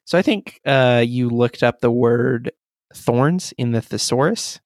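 Speaking a little slowly in a mid-range voice, a man co-hosting a podcast reads his friend's story and jokingly teases him between sections, keeping the banter casual. The studio-quality recording has no echo.

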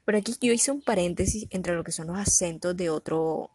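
A young woman with a Colombian Caribbean coastal accent, chatting in an animated, talkative way. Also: fairly low pitch, fairly quick, slightly rough, no echo. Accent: Colombian Caribbean (costeño). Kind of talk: casual chat.

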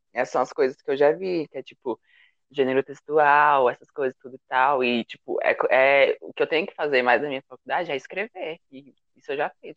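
Fast-talking young man, dull lo-fi audio. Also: medium pitch, dry recording. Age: young adult. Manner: fast, chatty, self-mocking storytelling. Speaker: university student. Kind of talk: casual chat.

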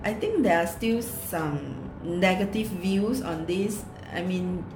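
A woman's voice: on the low side, lively intonation, slow. A Singaporean woman co-hosting a video in casual Singlish, with local particles and phrasing. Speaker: video co-host. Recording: roomy echo with music behind.

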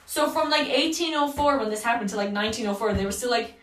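A woman's voice: on the high side, fast talker, a bit bright. A young woman hosting a casual podcast, rambling and joking through her notes with frequent swearing. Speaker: podcast host. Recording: echoey room, mic at a distance.

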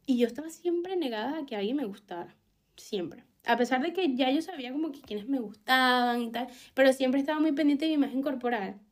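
A woman's voice: sits high, expressive, a little fast. A young woman with a Venezuelan accent, candidly telling her own story, frank and emphatic, repeating phrases and swearing casually. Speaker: vlogger.

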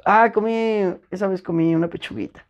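A young Mexican woman chatting casually on a podcast, telling a story in a slangy, animated way and acting out what other people said. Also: medium pitch, a little fast, highs cut off. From Puebla, Mexico.

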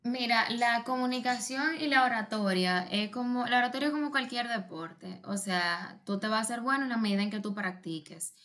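A woman coaching on public speaking in a relaxed conversation, explaining at length with many fillers and restarts. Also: on the high side, moderate pace, few pauses. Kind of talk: casual advice chat.

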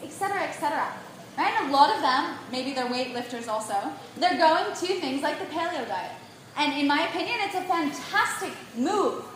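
A woman giving a live lecture on nutrition to an audience, emphatic and animated, constantly checking in with her listeners. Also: sits high, slight background noise. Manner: keeps checking in with "right?". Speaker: nutrition speaker. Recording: very echoey room.

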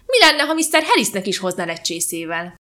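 A woman reading aloud and voicing a cheerful, pushy young woman who talks eagerly and calls out loudly. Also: medium pitch, very animated.

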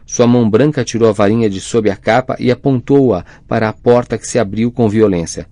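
A man with a low voice reads a fantasy audiobook in a measured, dramatic way. The recording is dry and close, with no room sound. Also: dark tone, dry recording. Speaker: audiobook narrator.

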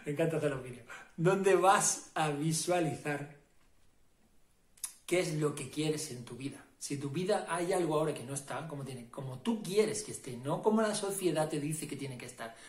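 Man, a slightly high voice, a self-help guide talking to camera, emphatic and repetitive, recorded in a reverberant room. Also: expressive, moderate pace. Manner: emphatic, repetitive, asks "¿no?" and "¿vale?". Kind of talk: casual motivational talk to camera.

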